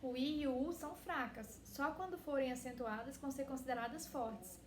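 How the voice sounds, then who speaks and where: A woman teaching a class in a chatty way, constantly tagging her sentences with a questioning "né", and drawing words out slowly when she spells them. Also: high voice. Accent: Brazilian Portuguese. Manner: chatty, constantly tags phrases with "né?". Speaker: Spanish teacher. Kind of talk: recorded online class. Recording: echoey room with faint noise.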